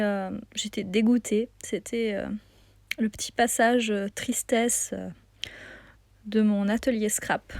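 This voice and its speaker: Her voice sits a little high and has a slightly mellow quality, with no echo in the recording. As the host of a craft tutorial, she chats enthusiastically in a relaxed voice-over, stumbling often over "euh" fillers.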